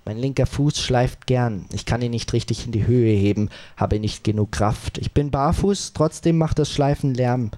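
A man reads a first-person audiobook aloud in a calm, measured way. His voice sits in an ordinary middle pitch. He moves through the story in short phrases with small pauses between them. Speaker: audiobook narrator.

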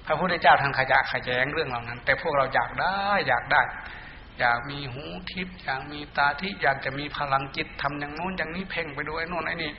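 A man's voice: a little high, fairly even intonation, quick pace, a crowd in the background. A male Buddhist monk giving a meditation dharma talk to monks and laypeople, blunt and colloquial, at times scolding and chanting Pali verses. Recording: muffled echoey hall recording, faint hiss.

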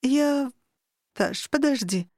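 A woman voicing a sarcastic, sharp-tongued female monster with claws in an audiobook, mocking and tart. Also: fairly high pitch, expressive, normal speed, dry recording, studio quality, close to an everyday voice. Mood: tired. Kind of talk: audiobook character reading.

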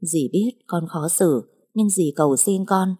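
Woman voicing a pleading middle-aged mother, desperate, insistent, husky, mellow, audiobook. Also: on the low side, measured pace. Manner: imploring, insistent.

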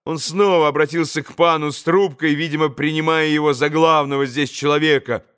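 A man narrating a classic novel as an audiobook, in a measured, expressive storytelling manner. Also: a little high, clear, resonant tone. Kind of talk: scripted literary narration.

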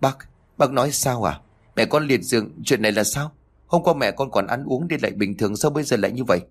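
A man voicing a devoted grown son in a spoken story, speaking earnestly and pleadingly, a bit above his narrating pitch. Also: quick pace, breathy edge, natural voice. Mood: alarmed.

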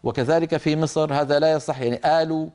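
An older man teaching Quran recitation in a religious lecture, explaining pronunciation and slowing down to demonstrate verses. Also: a little high, a little mellow.

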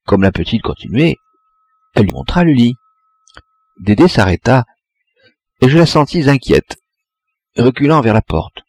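A man reading a classic story aloud with measured, expressive narration. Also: medium pitch, husky. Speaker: audiobook reader. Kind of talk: audiobook narration.

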